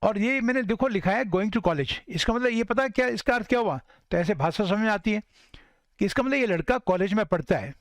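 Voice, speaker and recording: Man, high voice, English teacher; dry close sound, slow model sentences, frequent check-ins with listeners. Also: animated, no room sound. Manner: mixes Hindi and English, slows down to model English sentences. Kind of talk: spoken English lesson.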